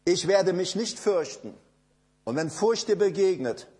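Male preacher, high and a bit husky, emphatic sermon delivery with low asides. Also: animated, measured pace. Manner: emphatic, repetitive preaching with direct address to listeners; swings between loud declarations and low asides.

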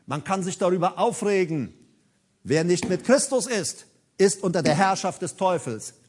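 Emphatic high-pitched male preacher. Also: lively intonation, normal speed, a little hiss or hum. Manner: emphatic, repeating key phrases for effect. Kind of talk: sermon.

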